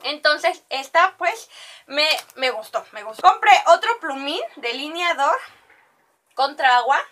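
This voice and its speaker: Speaking a little slowly but with plenty of animation, this woman has a high-pitched, fairly bright voice and a Mexican accent. She chats straight to her viewers in a rambling makeup haul vlog, with slight background noise behind her.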